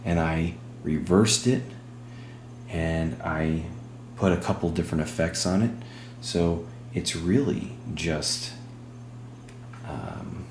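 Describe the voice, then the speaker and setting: A man hosting a spirit box session, speaking in halting short phrases and putting questions to a spirit. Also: low voice, a little mellow. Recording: roomy echo with humming background noise.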